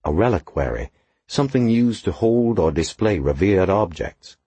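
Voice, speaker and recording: Man voicing an erudite formal agent, deep husky voice, lively intonation, dry recording. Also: moderate pace, no echo, exaggerated voice. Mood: measured. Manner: precise, formal. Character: measured, erudite male special agent.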